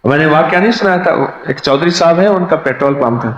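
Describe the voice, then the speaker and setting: A man's voice: on the high side, expressive, a bit bright. A man preaching a sermon through anecdotes, who acts out the other people in his stories. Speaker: spiritual preacher. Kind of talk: storytelling sermon. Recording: echoey hall, dull lo-fi sound.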